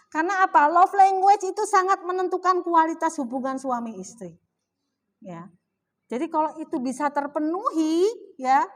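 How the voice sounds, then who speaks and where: A middle-aged woman with a Javanese accent gives a chatty religious talk in a mosque, often asking her audience questions. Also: high voice. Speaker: Islamic women's study speaker.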